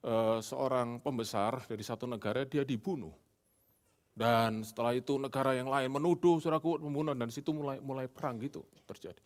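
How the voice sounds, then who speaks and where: A man's voice: medium pitch, lightly acted. A preacher voicing a self-assured father explaining the causes of war to his son.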